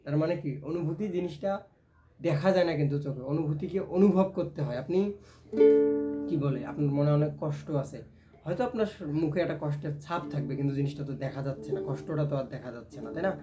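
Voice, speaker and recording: A man gives a relaxed ukulele lesson in a fairly high voice. He explains patiently step by step and keeps asking his viewers if they follow. Clear ukulele plucking sounds behind him. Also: brisk, over music. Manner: explains step by step, often asks "right?". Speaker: ukulele teacher. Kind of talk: casual music lesson. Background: ukulele playing.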